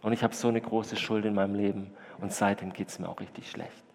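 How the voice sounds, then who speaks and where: A man voicing a lonely, withdrawn old man confessing old guilt quietly, told within a sermon. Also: flat delivery, brisk, long reverb tail. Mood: sorrowful. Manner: quiet, low, heavy confession.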